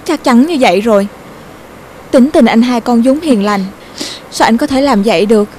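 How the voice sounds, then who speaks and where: An actress playing a worried young daughter, coaxing and pleading. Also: female voice, on the high side, normal speed, darkish tone, slight background noise, natural voice, rough recording.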